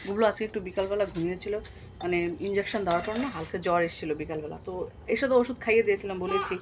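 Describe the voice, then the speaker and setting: A young woman and mother chatting casually to camera at home, talking softly about her son's day. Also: medium pitch, racing, noisy background. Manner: soft narration to camera, then loud coaxing calls to her son. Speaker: vlogger mother. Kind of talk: casual home vlog chat. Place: home, indoors.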